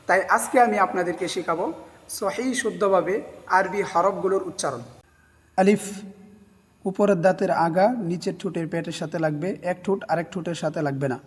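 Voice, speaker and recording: Man, letter-pronunciation teacher, deliberate, drawn-out letter names, reverberant room. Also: high-pitched, breathy edge. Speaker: Quran recitation teacher. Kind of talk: slow instructional explanation of letter pronunciation.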